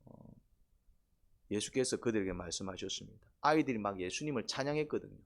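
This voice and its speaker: A man preaching as pastor at an evening prayer service, emphatic and repetitive, asking rhetorical questions and dropping to quiet asides. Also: expressive, brisk, gravelly. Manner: emphatic, asks many rhetorical questions, repeats phrases; swings between loud exhortation and low, quiet asides. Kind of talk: sermon.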